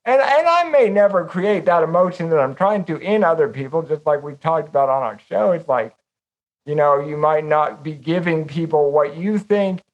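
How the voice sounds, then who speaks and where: A man's voice: fairly high pitch, lo-fi sound. A man co-hosting a podcast, talking in a reflective, rambling way about how he makes music. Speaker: podcast co-host. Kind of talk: casual conversation.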